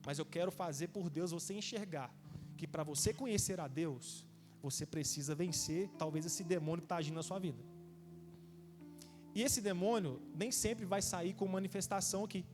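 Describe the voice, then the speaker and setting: A man preaching a dramatic sermon as pastor, swinging from loud to soft and acting out the voices he quotes. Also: high-pitched, normal speed, long reverb tail, over music. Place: church sanctuary.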